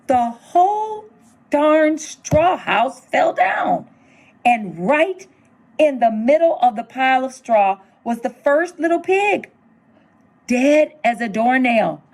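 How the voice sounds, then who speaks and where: Middle-aged woman, high, lively storybook read-aloud, unhurried and expressive. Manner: expressive storytelling, narrating as the wolf. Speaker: school superintendent reading aloud.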